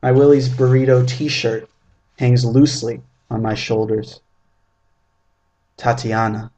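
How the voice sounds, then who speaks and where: A man in his twenties reading his own first-person story aloud in a measured, vivid, descriptive way. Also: medium pitch, steady tone, warm tone. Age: 20s.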